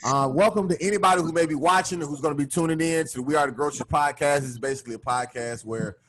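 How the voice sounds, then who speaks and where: A man's voice: a little high, very fast, a bit bright, slight background noise. A man hosting a casual comedy podcast over a video call, talking in a laid-back, slangy way with lots of fillers. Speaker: podcast host. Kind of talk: casual chat.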